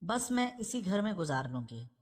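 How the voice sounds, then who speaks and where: A woman's voice: medium pitch, sing-song, slightly rough. A woman voicing a stern, defensive mother. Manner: sharp, defensive. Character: widowed middle-aged mother, defensive and stern.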